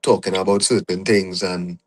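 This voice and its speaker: A young man with a Trinidadian accent and a fairly low voice with little pitch movement appears as a podcast guest, talking through his journey. He tells it in a reflective, storytelling way, often adding "you know," and the conversation stays casual and unhurried.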